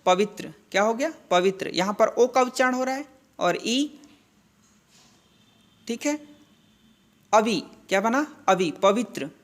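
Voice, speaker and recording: Woman teacher going through grammar slowly, keeps asking "what did it become?" and answering it, lots of little "ok?" tags. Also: on the high side. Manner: asks and answers her own questions, frequent "theek hai" and "hai na" check-ins; slow, deliberate spelling-out of sounds. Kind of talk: classroom-style grammar lesson.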